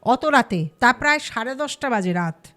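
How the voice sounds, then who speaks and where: A woman telling a true ghost story casually, lively and acting out the people she quotes. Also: on the high side, moderate pace. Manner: lively, acts out quoted voices. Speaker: storyteller guest.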